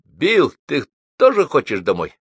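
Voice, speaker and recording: A man's voice: mid-range voice, wildly swooping pitch, a little slow, husky, no room sound, pitched above the performer's own voice, full character voice. A male reader voicing a bossy, insistent neighbor in a raised, folksy voice for an audiobook. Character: pushy loud middle-aged male neighbor.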